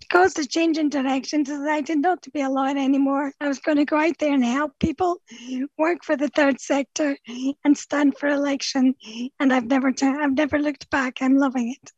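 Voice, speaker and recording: A woman's voice: high voice, no echo. A woman in her forties, a councillor, talking in an upbeat, enthusiastic way on a dull, lo-fi recording. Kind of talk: panel interview answers. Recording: dull lo-fi sound.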